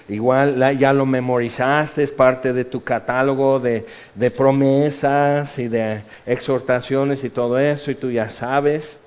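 A man preaching a sermon, animated, swinging between loud bursts and hushed, intimate passages. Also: medium pitch. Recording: dull lo-fi sound.

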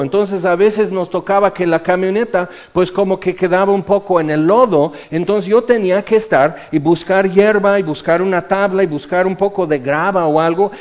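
A man preaching a sermon, animated, swinging between loud bursts and hushed, intimate passages. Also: high-pitched. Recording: dull lo-fi sound.

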